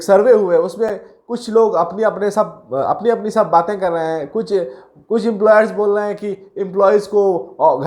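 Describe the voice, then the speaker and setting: A man with a notably high voice talks straight to his viewers. He explains in a loose, chatty way, calling them guys and mixing in English terms. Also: darkish tone. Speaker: career video host. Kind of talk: casual explainer talk to viewers.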